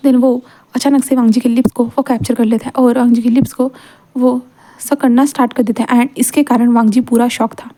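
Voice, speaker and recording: A woman's voice: a little high, level tone, brisk, warm tone. A woman telling a fan fiction story in a casual, chatty way, with many fillers and repeated words.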